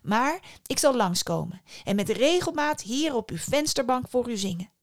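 A woman voicing a cheerful, humble little male nightingale in a storybook tale, speaking with bright, modest politeness. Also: fairly high pitch, big pitch swings, normal speed, no room sound, clean studio sound.

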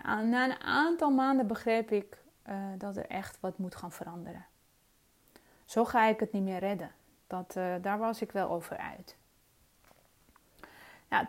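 A middle-aged woman hosting her own coaching podcast, talking earnestly and reflectively with frequent hesitations. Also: medium pitch. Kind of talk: personal solo podcast talk.

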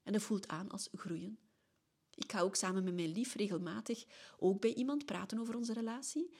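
A middle-aged woman speaks with a Flemish accent, her voice a little husky and breathy at the edges. She talks earnestly in a reflective solo podcast monologue. She keeps tagging her phrases with a soft questioning check-in. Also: medium pitch, moderate pace. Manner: earnest, often ends phrases with a questioning tag. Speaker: podcast host.

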